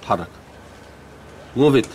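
An actor playing a jovial, middle-aged company owner who speaks Egyptian Arabic in a teasing, good-humored way. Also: male voice, normal speed, crowd noise, natural voice. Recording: TV soundtrack with music underneath.

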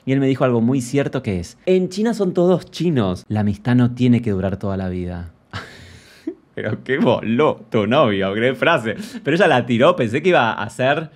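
A brash, gossipy best-friend character, put on by a man with a Rioplatense Spanish accent. She reads a viewer's story aloud and keeps cutting in with camp, theatrical asides. Her pitch sits mid-range for a man. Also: animated, normal speed, close to an everyday voice. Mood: mocking. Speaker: comedy creator reading viewer anecdotes in character. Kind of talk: character comedy monologue.

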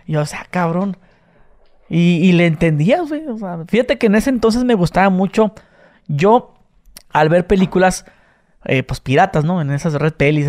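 A man's voice: fairly high pitch, a little mellow. A Mexican man hosting a podcast, chatting casually in heavy slang and acting out voices he quotes. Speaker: podcast host. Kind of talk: casual chat.

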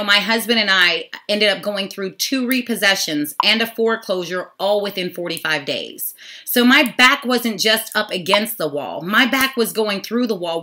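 A woman from the Pittsburgh area giving a hyped, upbeat sales presentation to an online audience. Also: mid-range voice. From Pittsburgh, Pennsylvania area. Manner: hyped, upbeat, repeats "super excited". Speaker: network marketing presenter.

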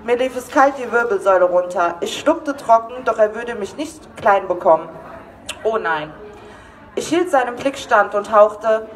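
A woman author giving a live reading from her romance novel, lively and laughing, sometimes losing her place. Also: a little high, normal speed, recorded from a distance, slight background noise. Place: event hall.

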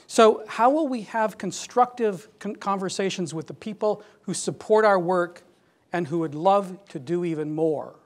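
A man's voice: sits high, normal speed. A man moderating a fundraising meeting, talking energetically and with emphasis to a room. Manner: energetic, emphatic, acts out quoted donors. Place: large meeting room at a club.

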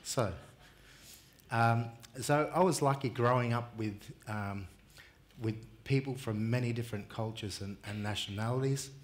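A middle-aged Australian man speaking at a conference in a large indoor hall, unhurried and plain-spoken with many fillers, on a headset mic. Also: mid-range voice, slight background noise. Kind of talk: relaxed conference talk.

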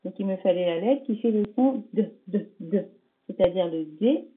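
A woman's voice: medium pitch, animated, normal speed. A woman primary school teacher correcting a dictation for young pupils, patiently sounding out each word syllable by syllable and checking in with them. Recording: tinny phone-like audio.

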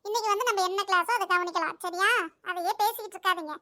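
A woman's voice: extremely high pitch, quick pace, bright, forceful tone, dry recording, clean studio sound. A woman voicing a firm cartoon schoolteacher giving instructions to her class. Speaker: teacher. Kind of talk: cartoon voice acting.

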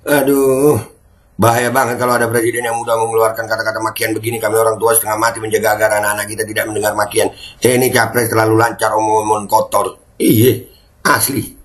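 A man's voice: on the low side, level tone, quick pace, fairly bright tone. A middle-aged man from Indonesia, ranting and mocking in casual political commentary. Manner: mocking, sarcastic, jeering.

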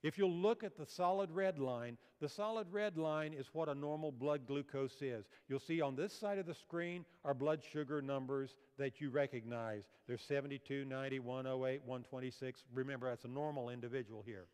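This older man speaks in a mid-range voice at normal speed with few pauses, his tone clean and a little mellow. He is giving a health seminar lecture from a church auditorium stage, explaining slides and asking the audience questions. Long hall reverb marks the recording.

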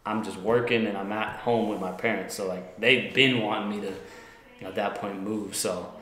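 A man's voice: on the low side, fairly even intonation, moderate pace, fairly bright tone. Hesitant young man in an echoey room. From Montana. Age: 20s. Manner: hesitant, many fillers and restarts. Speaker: guest. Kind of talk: casual interview answers. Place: lounge room indoors.

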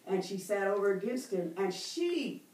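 With big pitch swings and a darkish tone, a middle-aged woman's mid-range voice carries a call-and-response Bible study, lingering on key words and drawing answers from the room. The echoey recording comes from a distant camera without a mic in a church library room with bookshelves, with slight background noise.

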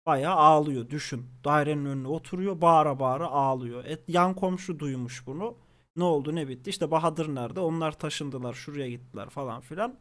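A young man from Turkey, a streamer, casually telling stories to his chat, animated and swearing freely. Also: on the high side.

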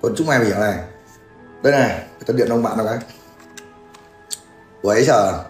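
A man's voice: mid-range voice, rapid-fire. Crude mocking man. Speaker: livestreamer. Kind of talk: ranting livestream commentary. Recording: echoey room with faint music.

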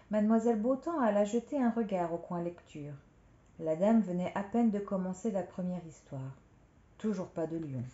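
A woman reads a children's story aloud to young children with expressive delivery. Her voice is mellow and middle in pitch. The recording is roomy and somewhat lo-fi. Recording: roomy, dull lo-fi.

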